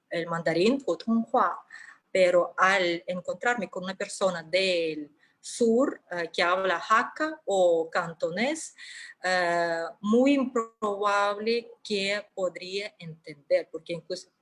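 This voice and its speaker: Slow, hesitant woman lecturing. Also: fairly low pitch, a bit bright. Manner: hesitant, many drawn-out fillers. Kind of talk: conference lecture.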